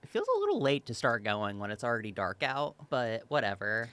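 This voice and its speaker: A podcast co-host in casual, animated chat who laughs often and swears offhandedly. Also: mid-range voice, a little fast, clean tone.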